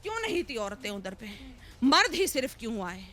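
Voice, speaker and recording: Woman, news interviewee, high lively voice, indignant, insistent.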